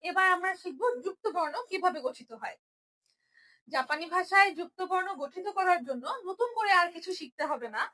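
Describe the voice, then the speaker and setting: A woman's voice: very high-pitched, expressive, brisk, sharp tone, low-quality recording. A woman teaching a Japanese class, patiently explaining step by step with example syllables. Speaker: Japanese language instructor. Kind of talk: spoken lesson explaining writing rules.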